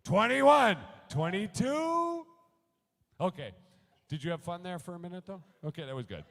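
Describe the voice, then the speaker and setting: A man calling bids at a charity gala auction, rattling off numbers quickly and joking with the bidders. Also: a little high, lively intonation, a little mellow. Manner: rapid-fire bid calling, joking with bidders. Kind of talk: fast auction chant. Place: large hall at a school gala. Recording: long hall reverb.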